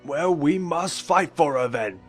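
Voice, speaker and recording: A man voicing a blustering, combative knight with a gravelly voice and slow, drawn-out speech in a storybook audiobook. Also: a little high, expressive, faint music behind, voice pushed up. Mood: gruff, stubborn.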